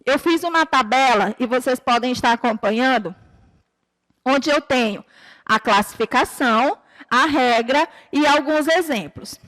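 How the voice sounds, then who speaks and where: A Brazilian woman teacher giving a recorded lesson to children, explaining patiently and clearly and drawing out her example words. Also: high-pitched, fairly bright tone, big-room sound. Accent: Brazilian Portuguese. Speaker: primary school teacher.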